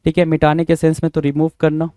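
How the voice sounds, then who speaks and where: Teacher guy, kinda high voice, mellow, dry sound, keeps quizzing you and spelling stuff out. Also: completely flat delivery, fast, clean tone, dry recording. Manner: repetitive, spells words letter by letter, quizzing the viewer; mixes Hindi and English. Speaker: English vocabulary teacher. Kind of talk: exam-prep vocabulary lesson.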